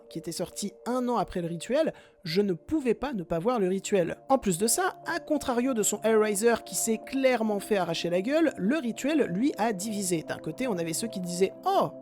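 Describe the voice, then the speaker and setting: A woman's voice: mid-range voice, lively intonation, normal speed, a little mellow. A woman hosting a casual film review podcast, chatty and talking straight to her listeners with self-mocking asides.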